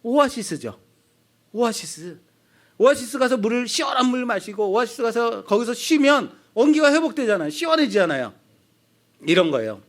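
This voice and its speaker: A man's voice: very high voice, moderate pace. A middle-aged man preaching an expository sermon as pastor, with a Seoul accent, asking the congregation questions and acting out the people he quotes. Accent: Seoul Korean. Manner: animated, acts out quoted voices of people; asks the congregation questions and answers them.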